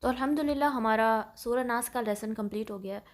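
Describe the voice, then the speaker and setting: A woman's voice: on the high side, brisk. A woman teaching a step-by-step recitation lesson in Urdu with English terms mixed in, explaining patiently and checking in often. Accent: Pakistani Urdu. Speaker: tajweed teacher.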